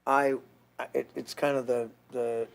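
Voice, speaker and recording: A man's voice: mid-range voice, little pitch movement, a little slow, vocal fry, crowd noise. A middle-aged man hosting a podcast, ranting heatedly and crudely with frequent restarts. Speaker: podcast host. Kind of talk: casual profane rant.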